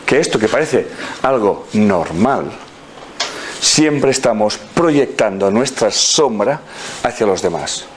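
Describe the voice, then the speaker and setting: Animated man giving a talk. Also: slow pace, slight background noise. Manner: storytelling, acts out quoted people in a higher voice. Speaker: speaker on personal growth. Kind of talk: lively motivational talk.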